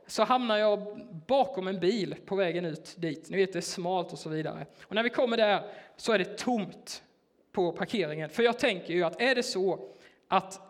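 A man with a notably high voice gives a sermon in a church. He tells a personal story in a relaxed, conversational way, hesitating often and filling pauses as he goes. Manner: casual, hesitant, filler-heavy storytelling. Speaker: church worker preaching.

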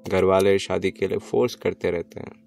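A young man tells a first-person love story in a wistful, reflective way. His voice sits low and has a gravelly fry, with faint music underneath. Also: fairly even intonation, normal speed, a little mellow. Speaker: narrator.

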